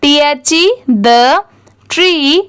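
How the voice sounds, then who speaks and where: High-voiced Indian woman teaching reading. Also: drawn-out words, a bit bright, dry recording. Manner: spells words letter by letter, then says them; asks and answers her own questions. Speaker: English teacher. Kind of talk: slow step-by-step reading lesson.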